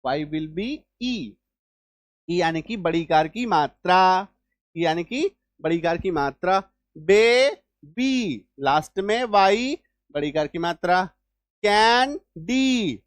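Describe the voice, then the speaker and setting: A man's voice: a little high, expressive, slow pace, no room sound. A man teaching English spelling rules, repeating points and often checking that the students follow. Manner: repetitive, checks understanding often. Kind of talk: classroom-style spelling lesson.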